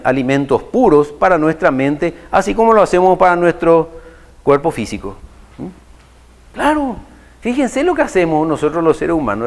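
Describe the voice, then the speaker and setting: A man giving an unhurried spiritual lecture to an audience, often posing rhetorical questions. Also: a little high. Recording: long hall reverb.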